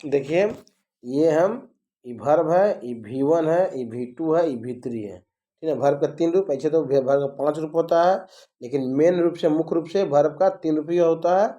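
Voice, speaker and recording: Middle-aged male tutor, patient repetitive drilling, soft dark tone. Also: a little high, dull audio. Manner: drills and spells words slowly, repeating each form. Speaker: teacher. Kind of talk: lesson on English verb forms.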